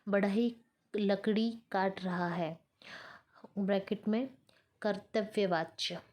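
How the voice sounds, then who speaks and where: A woman teacher reading out Hindi grammar sentences and explaining them slowly, with English words mixed in. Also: mid-range voice, steady tone, darkish tone. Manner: slow, careful dictation of each sentence, mixing in English words.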